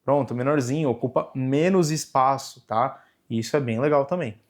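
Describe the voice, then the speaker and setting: Um homem jovem com sotaque brasileiro, explicando passo a passo o menu de uma câmera num tutorial descontraído, com muitos "né" e "tá". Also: male voice, medium pitch, moderate pace. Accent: Brazilian Portuguese. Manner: relaxed, explains step by step with frequent "né" and "tá". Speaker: camera tutorial host. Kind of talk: casual hands-on tutorial. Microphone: camera microphone.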